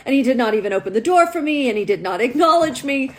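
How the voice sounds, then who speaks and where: A woman voicing a blunt, no-nonsense young Russian woman model with a Russian accent and a flat, cold, dismissive delivery. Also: high voice, fast. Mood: blunt, disdainful.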